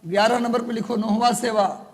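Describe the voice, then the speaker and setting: A man's voice: extremely high pitch, steady tone, moderate pace, long reverb tail. A man teaching a live class, dictating and joking with students, his voice strained by a sore throat, with a Bihari Hindi accent.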